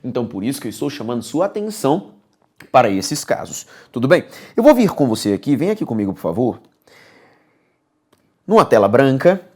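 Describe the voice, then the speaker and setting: A man with a husky, mid-range voice and a Brazilian Portuguese accent teaches an exam-prep grammar lesson a little fast, with long pauses. He coaxes his students in a lively way, repeats key words, and asks "beleza?" to check in.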